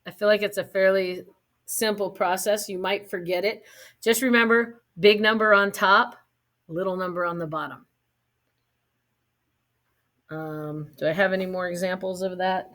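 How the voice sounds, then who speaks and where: In a casual math lecture, a woman speaks in a lowish, fairly flat voice at normal speed, leaving long pauses. She keeps checking in with her students by asking "right?" and adds light jokes along the way.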